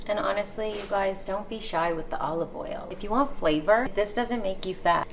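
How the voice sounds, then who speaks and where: Cooking at home, a chatty woman in her thirties from Canada vlogs casually and drops in playful, confident asides. She talks at a medium pitch and normal speed, recorded in an echoey kitchen with faint background noise.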